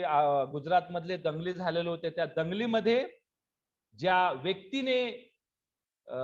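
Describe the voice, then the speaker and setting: A man's voice: high-pitched, lo-fi sound. A man giving an earnest spoken lecture as a teacher, hesitating often as he talks. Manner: earnest, addresses listeners as friends, frequent hesitations.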